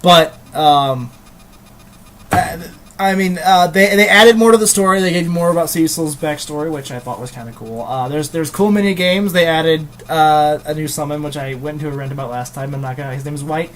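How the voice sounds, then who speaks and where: A man's voice: fairly high pitch, fairly quick, slight background noise. A man reviewing a video game in casual chat, rambling with many hesitations and casual swearing.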